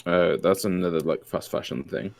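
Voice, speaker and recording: Deep-voiced British man. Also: moderate pace, vocal fry. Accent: British English. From England. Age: 30s. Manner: hesitant, many fillers, laughs easily. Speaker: podcast co-host. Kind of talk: casual chat.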